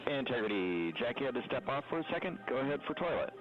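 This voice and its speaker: A man's voice: mid-range voice, sing-song, fast, highs cut off, music in the background. A man working as mission control's spacecraft communicator, giving terse call-and-answer replies over a radio voice loop. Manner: crisp, clipped call-and-answer.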